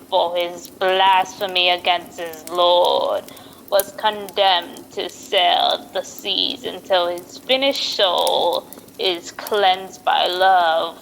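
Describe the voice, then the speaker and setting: Playing a gleeful, sly ancient witch past a hundred who cackles and tells spooky stories in a folksy rural dialect, a woman performs like an old-time radio horror host. The voice is exaggerated, fairly low and creaky, with drawn-out words and fairly even intonation. Audio is poor, and slight background noise can be heard.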